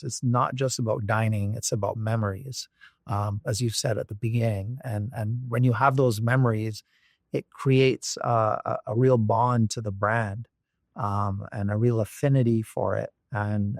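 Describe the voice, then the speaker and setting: This interview guest, an executive from Barbados, has a fairly low voice captured in dry, studio-quality sound. He considers his words carefully in conversation, frequently restarting and leaning on fillers.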